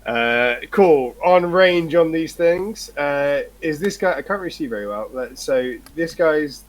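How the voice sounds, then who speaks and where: A man's voice: fairly high pitch, animated, a little slow. A man playing a tabletop game, asking eager questions about his moves. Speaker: player. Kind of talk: casual tabletop game chat.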